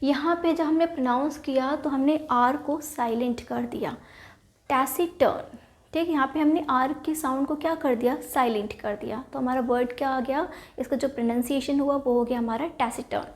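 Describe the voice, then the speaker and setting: A woman with an Indian accent teaching English synonyms. She works slowly through word lists, repeats each word and checks in often with "okay". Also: high-pitched. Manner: repeats words, frequent "thik hai" checks, slow deliberate spelling. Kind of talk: explaining word lists in Hindi-English mix.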